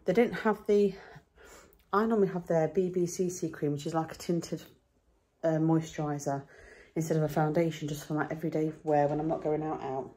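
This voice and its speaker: A middle-aged woman vlogs to a handheld camera around her home and back garden, chatting casually and rambling through her day in a self-deprecating way. Her low voice is warm and brisk with a breathy edge and fairly even intonation.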